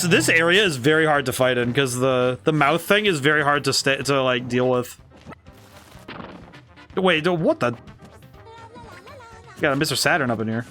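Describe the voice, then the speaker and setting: A man's voice: fairly high pitch, a bit bright. Giggly man streaming games over music. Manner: chatty, giggly, self-correcting with frequent laughs. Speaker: streamer and game designer. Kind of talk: casual live-stream commentary while playing.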